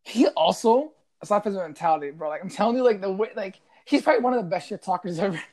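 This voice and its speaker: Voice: medium pitch, expressive, fast, a crowd in the background. A podcast co-host chatting loosely about sports, full of fillers like bro and like. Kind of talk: casual sports podcast chat.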